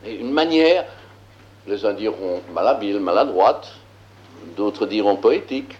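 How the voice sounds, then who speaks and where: A man teaching a lesson, reading scripture aloud and explaining it, slow and emphatic, with frequent filler words. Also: lowish voice, lively intonation, a little mellow, roomy sound, highs cut off. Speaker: Bible teacher.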